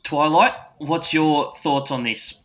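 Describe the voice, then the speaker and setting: A man's voice: a little high, slow pace, fairly bright tone. An Australian man co-hosting a casual podcast chat with his mates, talking in matey, slangy Aussie tradesman fashion. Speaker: podcast co-host.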